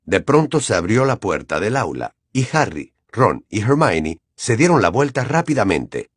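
A man narrating a dramatized audiobook in an even storytelling delivery. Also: on the low side, moderate pace, slightly rough, no echo, studio quality.

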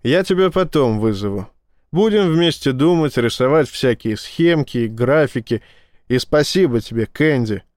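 A man's voice: mid-range voice, expressive, normal speed, a little mellow, dry recording, clean studio sound, lightly acted. A man reading an admiral's lines in an audiobook, curt and commanding.

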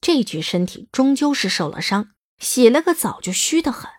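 A woman's voice: fairly high pitch, very animated, normal speed, husky, dry recording, studio quality. A woman reading scripted narration as the narrator of a dramatised audiobook.

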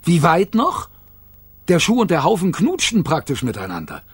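A man reading a children's audiobook aloud in a playful, expressive storytelling manner. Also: fairly high pitch, moderate pace, slightly rough, dry recording. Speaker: audiobook narrator.

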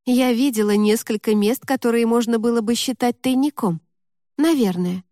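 A wary teenage girl, as a woman narrator reads her, choosing her words with care and hesitation. The voice is mellow, dark and dry, close to the mic. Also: fairly high pitch, normal speed, no echo, lightly acted. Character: teenage girl, guarded and impulsive.

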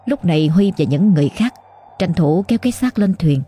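Low husky woman narrating a ghost story. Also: lively intonation, a little fast, mellow, faint music behind.

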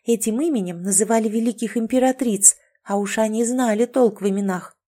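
A woman reading the lines of a feisty, sarcastic young woman in an audiobook, a touch higher than her own voice. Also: dark tone, lightly acted. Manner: quick-tempered, mocking.

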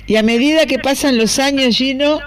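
A man's voice: very high voice, moderate pace. A man hosting a radio interview, asking prompting follow-up questions. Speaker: radio host.

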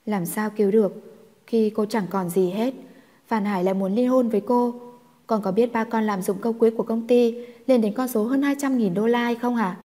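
A woman's voice: on the high side, steady tone, fairly quick, dark tone, long reverb tail, close to an everyday voice. A woman voicing a heartbroken middle-aged aunt who sobs in hopeless despair. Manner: sobbing, hopeless.

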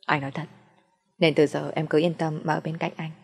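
A woman voicing a young man, a gentle boyfriend who teases and comforts in a soft, reassuring way. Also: sits low, flat delivery, fairly quick, gravelly, slightly rough, long reverb tail, heavily acted. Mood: comforting.

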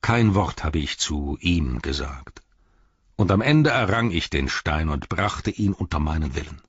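A man reading a story and voicing a weary, stern noble male ranger king in a grave, measured way. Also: rumbling low, lively intonation, slightly rough, no room sound, dull audio, full character voice.

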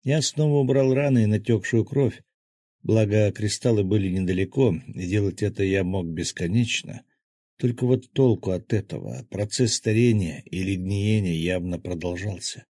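Low husky male audiobook narrator. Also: normal speed, warm tone, no echo. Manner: terse, dry inner monologue. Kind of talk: first-person audiobook narration.

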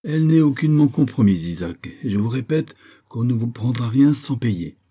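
Unbending captain-governor, curt and commanding, voiced by a male reader, husky tone. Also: mid-range voice, moderate pace, warm tone, pitched above the performer's own voice, close to an everyday voice. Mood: firm. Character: firm army captain governor, calm and unbending. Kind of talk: audiobook character voice.

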